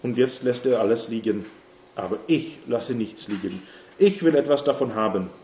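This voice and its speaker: A man's voice: mid-range voice, normal speed, natural voice. A man voicing a sly, greedy young servant with a scheming, wheedling manner, in a dull, roomy recording with faint hiss.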